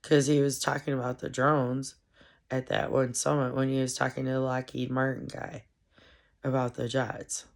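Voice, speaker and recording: A woman with a stuffed-up, congested voice, rambling through a casual solo commentary with halting, meandering speech and many fillers. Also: rumbling low, flat delivery, gravelly.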